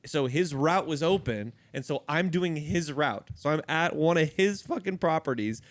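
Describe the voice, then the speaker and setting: A man's voice: fairly high pitch, lively intonation, moderate pace, dry recording. A young man co-hosting a podcast, telling loose, profane stories in casual chat. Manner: loose, profane storytelling with frequent laughter. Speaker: podcast co-host.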